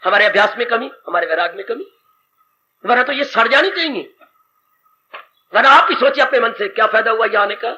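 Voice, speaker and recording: A man's voice: extremely high pitch, expressive, fairly quick, pauses often, sharp tone. A man giving a devotional sermon, dramatic and rhetorical, with sighing exclamations. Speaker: spiritual teacher. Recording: muffled old tape with faint hiss.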